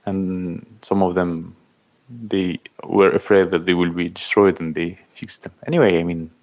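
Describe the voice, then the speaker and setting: A man in his thirties from Algeria, chatting casually on a livestream, reading out and thanking viewers' comments in halting speech. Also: deep voice, steady tone, a little mellow. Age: 30s. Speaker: livestream host. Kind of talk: casual live-stream chat.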